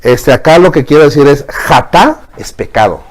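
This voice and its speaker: A man's voice: a little high, lively intonation, normal speed. A man teaching a religious lesson, explaining patiently and checking in with his listeners often.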